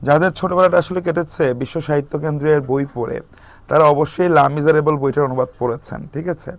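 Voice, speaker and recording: A young man lecturing for exam preparation, explaining at length, mixing English terms into his speech and pausing on fillers. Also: fairly high pitch, fairly even intonation, dry recording. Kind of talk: recorded lecture.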